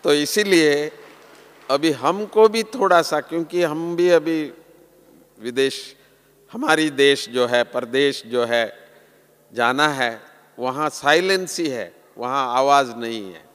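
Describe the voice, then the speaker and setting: Slow, earnest man preaching in a hall. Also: on the high side, clean tone. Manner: slow, earnest, drops softly at phrase ends. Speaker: spiritual teacher. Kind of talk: sermon to a large gathering. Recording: long hall reverb.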